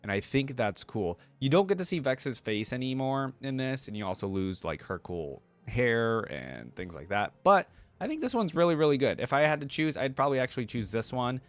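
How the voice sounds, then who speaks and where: Speaking in a mid-range voice with big pitch swings, this reaction video creator keeps a moderate pace and rarely pauses. His commentary is casual, enthusiastic and conversational, as if he's thinking aloud. The recording is dry, with background music.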